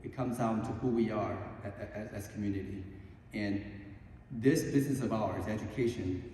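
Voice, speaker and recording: A man answering at a candidate forum, earnest and halting with many ums and restarts. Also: on the low side, dark tone. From Korea. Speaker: school board candidate. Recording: echoey hall, distant mic, faint hum.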